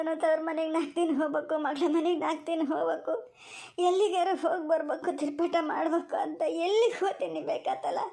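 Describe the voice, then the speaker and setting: A woman's voice: very high-pitched, a little mellow. A woman voicing a wailing old Malnad mother-in-law. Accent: Malnad Kannada. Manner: wailing, complaining, muttering asides. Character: self-pitying older mother-in-law, whiny and scheming. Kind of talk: cartoon voice acting.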